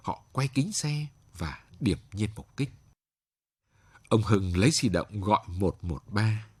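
A man with a husky voice reads a late-night story in a measured, expressive way. His pitch moves widely, and the sound is close and dry. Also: no echo.

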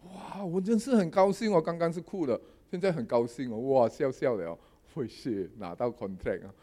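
A man giving a sermon testimony, telling his dreams in a lively storytelling manner with English words mixed in. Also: on the high side, moderate pace. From Malaysia. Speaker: lay preacher.

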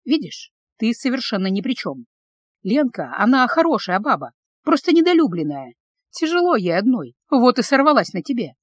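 A woman doing a calm married coworker. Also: a little high, normal speed, dry recording, clean studio sound. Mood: soothing. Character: sensible older married woman coworker, calming.

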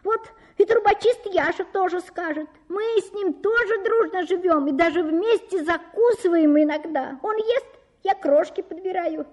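A woman voicing a small hot-tempered male sparrow who shouts, breathless with rage. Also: extremely high pitch, normal speed, voice pushed up. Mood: aggrieved.

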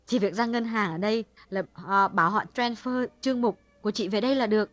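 A woman's voice: mid-range voice, fairly quick, dry recording, lightly acted. A woman voicing a gossipy younger woman who keeps asking questions in an audiobook. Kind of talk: audiobook dialogue reading.

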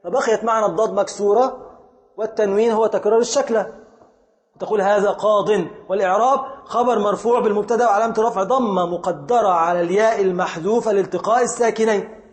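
High-voiced Egyptian man teaching in echoey hall. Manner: deliberate, repeats points and questions students. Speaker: grammar teacher. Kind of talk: classroom lecture.

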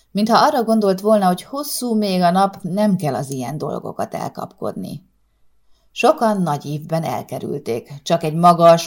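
Calm woman reading a short story aloud, low voice, measured. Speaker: audiobook narrator. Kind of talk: scripted storybook narration.

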